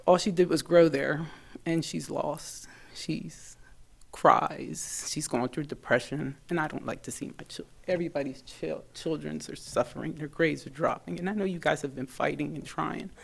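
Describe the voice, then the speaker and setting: A middle-aged woman, a parent, giving an earnest, emotional public comment at a school board meeting, halting at times. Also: low voice, vocal fry, darkish tone.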